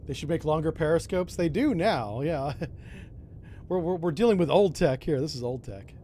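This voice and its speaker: A man's voice: on the high side, expressive, moderate pace, dark tone, slight background noise. A man doing casual commentary on a submarine game, thinking aloud with mild exclamations. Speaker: gamer, host.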